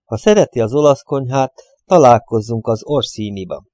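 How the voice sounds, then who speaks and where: Man reading as a measured, polite male agent. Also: medium pitch, lively intonation, a little mellow, dry recording, studio quality, close to an everyday voice.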